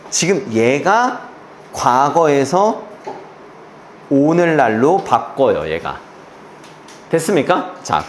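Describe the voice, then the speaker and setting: Here the English teacher has a mid-range male voice, with slight background noise. He works through an exam passage for his class, leaning on rhetorical questions and blunt slang, and the sound carries a roomy echo with faint ambience.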